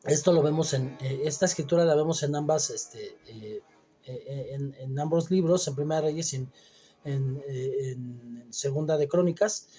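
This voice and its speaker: A man preaching a Bible teaching sermon, reading scripture aloud and then explaining it, often pausing with hesitant fillers. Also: medium pitch, warm tone, soft background music.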